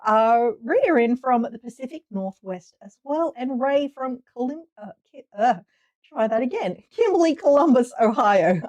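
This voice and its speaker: On a lo-fi livestream, a woman with a fairly high, slightly mellow voice chats casually and greets her viewers. Still recovering from a cold, she remains upbeat and talkative as she reads out viewer names.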